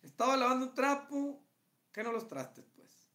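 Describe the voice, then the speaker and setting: Mexican man, high voice, very bright tone, casual podcast chat, reads stories and jokes. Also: big pitch swings, moderate pace. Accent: Mexican Spanish. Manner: laughs often, reads aloud and jokes about the text. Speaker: podcast co-host reading listener stories.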